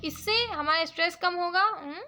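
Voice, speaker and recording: A woman's voice: very high-pitched, moderate pace, bright, forceful tone, soft background music. A woman tutor giving an exam lecture in Hindi mixed with English, explaining step by step and checking in with her students.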